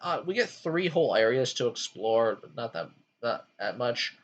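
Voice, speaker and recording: A man hosting a casual gaming chat, talking in an animated way with frequent ums. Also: medium pitch, normal speed, muffled recording. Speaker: podcast host ranking game worlds.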